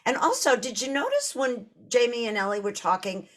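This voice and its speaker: A woman's voice: on the high side, huge pitch swings, fairly quick, a bit bright. A woman in her sixties with a Boston accent, co-hosting a live podcast, telling stories with playful asides. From Boston area, US. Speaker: podcast co-host.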